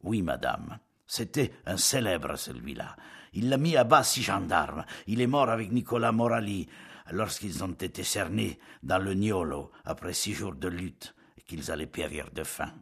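A man doing a slow monotone Corsican villager. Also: deep voice, breathy edge, heavily acted. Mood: resigned. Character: tall stooped sickly Corsican man, placid and resigned.

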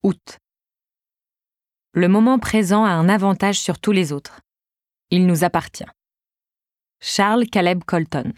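A woman's voice: fairly low pitch, slow, long pauses, dry recording. A woman narrating a novel in the first person, wry and conversational, on a close microphone. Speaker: audiobook narrator.

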